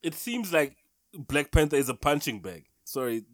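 A man co-hosting a casual film review chat, halting and repeating words with many fillers. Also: on the high side, sing-song, a bit bright, no echo, clean studio sound. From South Africa. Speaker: podcast co-host.

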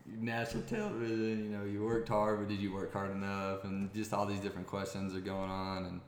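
A young man with a fairly low voice talks briskly, with a little hiss or hum in an echoey room. A former college quarterback appearing as a guest in a casual interview, he tells a long, rambling story full of restarts and grows excited as he goes.

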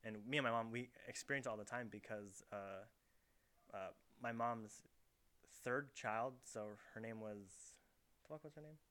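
This young man has a medium-pitched, slightly bright voice and talks at a normal speed. He's hosting a casual podcast from his bedroom on a room camera, rambling through stories loaded with fillers.

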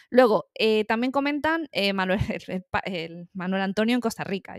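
A woman's voice: mid-range voice, no room sound, studio quality. A woman hosting a podcast, talking casually and chattily with lots of fillers and self-corrections. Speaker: podcast host.

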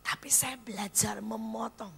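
A woman evangelist with an Indonesian accent preaching a blunt church sermon, dropping to hushed near-whispers and then rising to loud exclaims. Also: on the high side, steady tone, normal speed, gravelly, husky. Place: church service.

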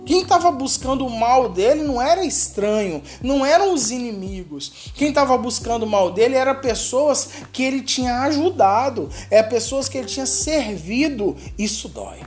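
A woman's voice: sits high, animated. Emphatic woman preacher. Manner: emphatic, slowing to soft, hushed stretches. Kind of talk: sermon.

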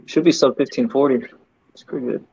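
A man's voice: medium pitch, fairly quick, creaky, muffled recording, crowd noise. A man in his mid-twenties from Texas, a college coach, chatting easily as a caller on a phone video call. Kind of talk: casual chat.

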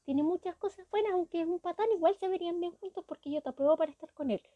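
A woman's voice: very high-pitched, quick pace, lo-fi sound, pitched above the performer's own voice. A woman doing a meddling, coaxing little sister. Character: meddling chatty younger sister.

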